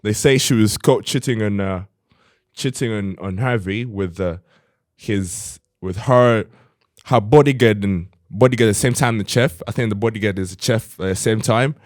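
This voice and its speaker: Animated male podcast co-host, dry sound. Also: on the low side, moderate pace, no echo. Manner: animated, reads comments aloud. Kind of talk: casual chat.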